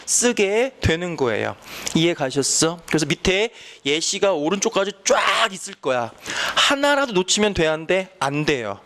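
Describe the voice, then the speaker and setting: A man's voice: high-pitched, very animated, moderate pace, bright, forceful tone. A man teaching Korean literature in an online exam-prep lecture, who asks questions and answers them himself. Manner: acts out quoted lines with exaggerated voices.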